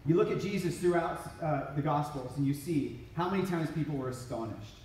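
Middle-aged male speaker, lively storyteller, slightly high voice, booming hall sound from a distance. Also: brisk, a little hiss or hum. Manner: storytelling, animated, acts out quoted lines. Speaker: regional ministry director. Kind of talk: inspirational talk to a conference. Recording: echoey hall from off-mic.

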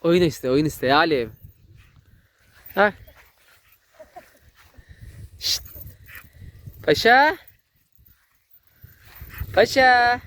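A man, vlogging outdoors in a village and excitedly calling to a dog. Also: sits high, very slow, long pauses. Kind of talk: casual vlog commentary.

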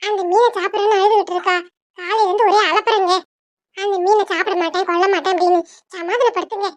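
A sharp-tongued village mother in a cartoon, voiced by a woman with a southern Tamil Nadu accent. She nags and mocks in a very high, dry voice. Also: fairly even intonation, quick pace, no room sound. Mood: nagging. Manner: nagging, sarcastic.

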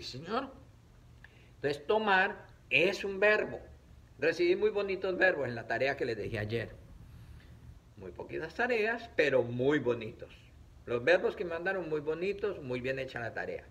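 Male teacher, slightly high voice, playful and drawn-out phonics delivery for kids. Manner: slow, drawn-out syllables, playful and animated. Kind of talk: children's reading lesson on camera. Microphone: camera.

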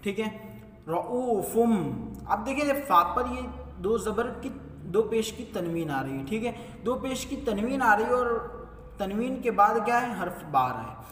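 A man's voice: high-pitched, lively intonation, unhurried, a bit bright, a little hiss or hum. A man teaching a step-by-step recitation lesson, who asks himself questions and then answers them. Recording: echoey hall, mic far off.

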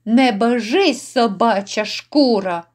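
A woman's voice: fairly high pitch, takes it slowly. A woman voicing rowdy, brutal drunken noblemen who jeer and bark orders. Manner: gruff, jeering shouts.

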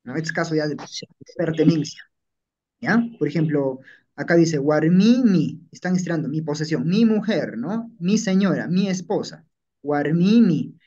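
A language teacher with a kinda high, mellow voice gives a classroom lesson at normal speed, captured on a muffled, dull lo-fi recording. He explains patiently and keeps checking in, asking "right?" along with "¿no?" and "¿ya?".

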